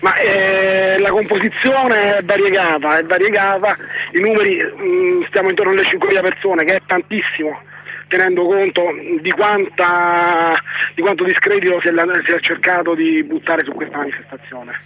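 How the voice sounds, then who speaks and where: A hoarse man argues with passion from a street protest. His voice sits fairly high and comes through a dull, lo-fi radio line. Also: fairly even intonation, normal speed. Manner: forceful, impassioned. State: hoarse from shouting. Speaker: activist at a protest march. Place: outdoors at a street march.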